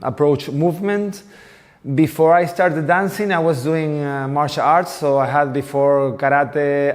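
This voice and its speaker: Man in his 40s, guest dance teacher, interview answers, searching for words, medium pitch, long hall echo. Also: a little mellow. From Venezuela. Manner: thoughtful, searching for words in a second language.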